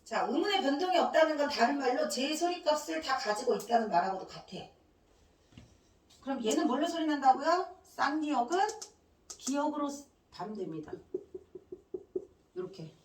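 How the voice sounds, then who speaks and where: Recorded from afar in a reverberant room, a female teacher delivers a grammar lesson to her class, posing questions she then answers and running through letters one by one. She speaks in a high, lively voice at a normal pace, pausing frequently.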